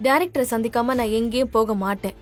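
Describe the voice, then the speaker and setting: A young mother fighting for her injured son voiced by a woman. She pleads politely and refuses to back down. Her voice is high and clear. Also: fast talker, lightly acted. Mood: pleading. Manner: pleading yet stubborn. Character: poor determined young mother. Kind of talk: dubbed drama.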